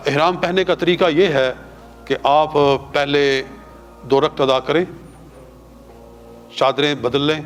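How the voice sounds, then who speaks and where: Urdu cleric teaching pilgrimage rites. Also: male voice, medium pitch. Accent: Punjabi-influenced Urdu. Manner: has listeners repeat prayers after him, slow and drawn out. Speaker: religious teacher. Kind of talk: teaching a class.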